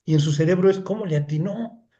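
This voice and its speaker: A man's voice: high-pitched, fast talker, dark tone, muffled recording. A man with a Mexican accent leading a Bible study, reading scripture aloud and explaining it in a chatty way, often checking in with "¿no?". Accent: Mexican Spanish. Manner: reads scripture aloud, then explains it conversationally with frequent "¿no?" checks.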